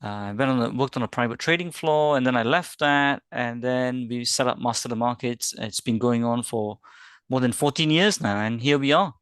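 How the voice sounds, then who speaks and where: A man's voice: mid-range voice, moderate pace, a bit bright, smooth, no room sound. A man in his forties from Singapore, a company founder, chatting as a webinar guest and laughing through his stories. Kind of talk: casual interview chat.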